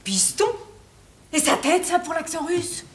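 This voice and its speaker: A woman playing a musician's partner in a stage comedy, teasing, brisk and practical. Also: extremely high pitch, lively intonation. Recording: roomy stage sound, faint hiss.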